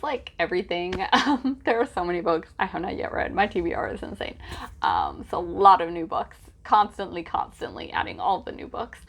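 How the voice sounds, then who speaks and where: In a casual, chatty book vlog, a woman with a mid-range voice and some vocal fry gushes about what she's reading. She's informal and a bit hesitant, dropping "like" into frequent filler asides and leaning hard on gushing emphasis.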